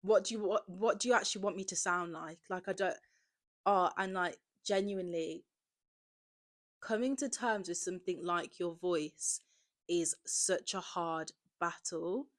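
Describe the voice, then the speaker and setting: Speaking a little slowly in a lowish voice, a Birmingham-area podcast host in her 20s gets candid and conversational in a confessional monologue, saying "like" again and again.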